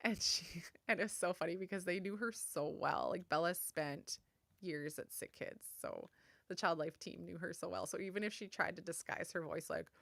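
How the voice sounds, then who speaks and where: A woman, hosting a solo podcast and sharing memories in a soft, heartfelt way, close to the mic. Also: lowish voice, normal speed, vocal fry, no echo. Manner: soft, heartfelt, tender storytelling. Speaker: podcast host.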